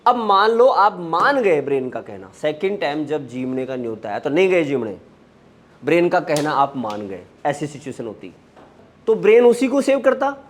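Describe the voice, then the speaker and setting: Man teaching a lecture, fairly high voice. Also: sing-song, normal speed, slight background noise. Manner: acts out inner dialogues in quoted voices; addresses listeners directly with questions. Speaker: meditation and wellness teacher. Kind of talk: spoken lecture to a class.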